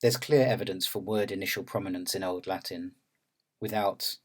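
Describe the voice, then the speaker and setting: A man narrating an academic lecture in a measured, explanatory way. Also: low voice, fairly even intonation, husky.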